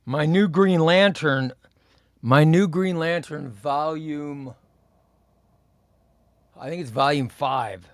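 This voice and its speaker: In his fifties, the host of a live comics stream reads comments aloud at a slow, easygoing pace. His voice is slightly high, and he rambles, circling back over the same phrases.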